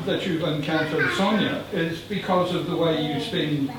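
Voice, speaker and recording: A man hosting a gathering fires off teasing, playful questions in a somewhat high voice. He is picked up from a distance in a very echoey, noisy room. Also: normal speed. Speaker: event host and interviewer. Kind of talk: joking interview. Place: busy indoor function room.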